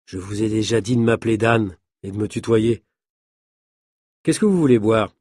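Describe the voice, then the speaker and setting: Guy doing a cocky daredevil host, breezy, sure of himself, husky. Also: on the low side, normal speed, darkish tone, dry recording, clean studio sound, lightly acted. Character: confident male daredevil showman, friendly host.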